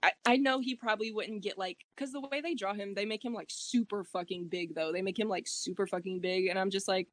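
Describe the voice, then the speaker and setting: A woman's voice: medium pitch, fairly quick, few pauses, no room sound. A woman talking casually as a convention panelist, exasperated, swearing and laughing.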